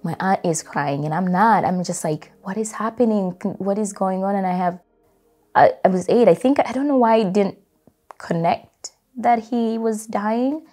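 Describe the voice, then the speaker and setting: A woman's voice: mid-range voice, measured pace. A young woman from Congo telling a personal story in an interview, reflective and loose, with many fillers. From Democratic Republic of Congo. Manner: reflective, with frequent fillers and soft laughs. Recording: music playing underneath.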